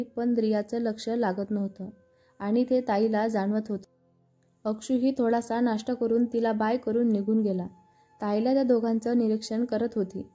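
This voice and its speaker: A woman narrating a dramatic family story in a steady, scripted manner. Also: on the high side.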